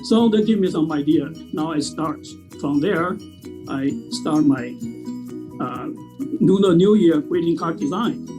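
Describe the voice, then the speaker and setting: A man's voice: a little high, lively intonation, measured pace, over music, poor audio. A man in his sixties from Taiwan, talking casually with frequent fillers and restarts. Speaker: presenter at a talent show. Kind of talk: casual talk.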